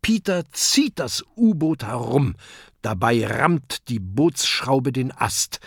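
Slow, expressive children's audiobook narrator. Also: medium pitch, gravelly, slightly rough, dry recording, studio quality. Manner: expressive, dramatic storytelling. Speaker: audiobook reader.

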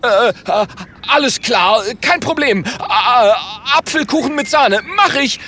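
Squeaky stammering coward knight. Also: male voice, wildly swooping pitch, drawn-out words, bright, forceful tone, a little hiss or hum, heavily acted. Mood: cowardly stammering.

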